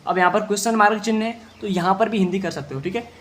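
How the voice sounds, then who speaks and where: Hindi-speaking man teaching English slowly. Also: high voice, fairly even intonation, fairly bright tone. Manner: reads English slowly word by word, then explains meanings; answers his own questions in a student's voice. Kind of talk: classroom-style lesson explaining an English story in Hindi.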